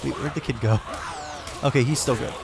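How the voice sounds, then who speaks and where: A man's voice: medium pitch, fairly even intonation, fairly quick, gravelly, a little hiss or hum. A man hosting a let's play, giving casual gameplay commentary with a blunt manner, swearing and exclaiming.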